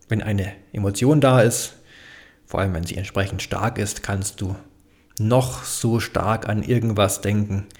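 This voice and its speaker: A man giving a calm, explanatory self-help talk, speaking directly to the listener with frequent thinking fillers. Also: lowish voice.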